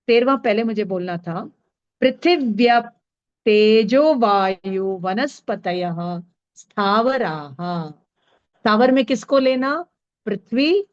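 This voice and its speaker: A woman teaching a scripture class, slowly dictating terms for students to write down and mixing in English words. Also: fairly high pitch. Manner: mixes English words into her explanation. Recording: dull lo-fi recording.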